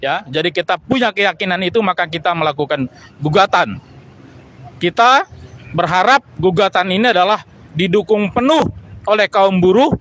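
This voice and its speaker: A man with an Indonesian accent giving a deliberate, halting public statement to protesters as a union spokesman, often adding "ya". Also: high voice, expressive, a bit bright. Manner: deliberate, halting, repeated 'ya' tags.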